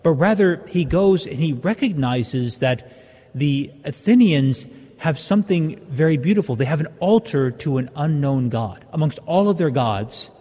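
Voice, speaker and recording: A priest reads the gospel and preaches in a soft, dark-toned voice. He talks plainly and conversationally, as if explaining to his parish. Each phrase rings out into the long, lingering reverb of a large church, like a cathedral echo. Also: fairly high pitch, lively intonation, moderate pace. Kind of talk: Mass gospel reading and homily.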